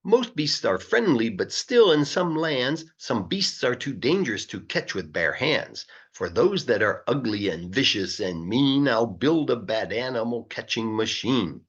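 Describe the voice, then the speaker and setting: Reading rhyming children's verse, a male English teacher is expressive, playful and emphatic, his husky mid-range voice rising and falling vividly. He goes a little slowly with hardly any pauses, and the audio is slightly dull.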